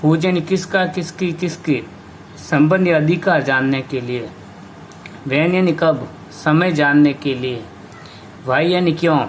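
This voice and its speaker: Slow, deliberate male teacher. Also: on the high side, a little hiss or hum. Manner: slow, spelling out words letter by letter. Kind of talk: English grammar lesson in Hindi.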